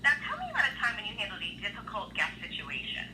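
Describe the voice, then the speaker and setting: A woman's voice: mid-range voice, wildly swooping pitch, fast talker. A woman interviewing a job candidate over the phone, reading out structured questions, heard through a speakerphone. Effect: phone call on speakerphone. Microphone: phone line played through a speakerphone. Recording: noisy phone call on speaker.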